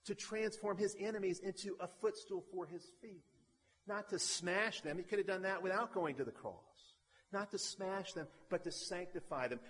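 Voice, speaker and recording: A man preaches a sermon in a slightly higher voice, driving his points home with emphatic, repeated phrasing. His voice rings out with the long reverb of a large hall. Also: a bit bright. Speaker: pastor.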